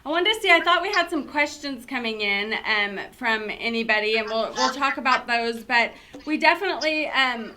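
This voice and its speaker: Bubbly bright-voiced woman host. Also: fairly high pitch, expressive, moderate pace, few pauses, slight background noise. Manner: bubbly, chatty, laughs often. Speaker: host and salon owner. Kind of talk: casual chat about beauty products.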